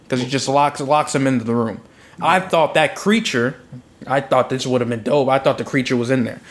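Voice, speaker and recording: A young man co-hosting a podcast, chatting casually about a film, acting out reactions and swearing freely. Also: mid-range voice. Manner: animated, acts out reactions, swears. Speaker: podcast co-host. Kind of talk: casual film review chat.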